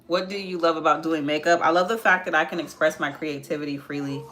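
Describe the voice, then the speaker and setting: Hosting a makeup livestream, this twenty-something woman talks fast in a low, steady, slightly bright voice. She chats casually, replies to viewers' comments while working, and tends to repeat phrases.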